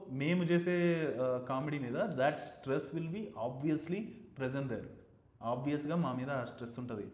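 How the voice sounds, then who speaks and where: A stand-up comedian from Anantapur village in Andhra Pradesh, with a Rayalaseema Telugu accent, hosts a casual podcast chat. He tells stories bluntly and jokingly, mixing in English words, in a mid-range, slightly mellow voice recorded in an echoey room.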